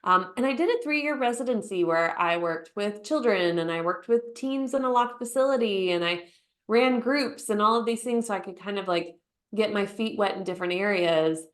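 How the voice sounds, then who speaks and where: Woman, 30s, podcast guest, lively storyteller, playful, middle pitch. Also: normal speed. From United States. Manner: lively storyteller who acts out quotes with laughter. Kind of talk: conversational storytelling interview.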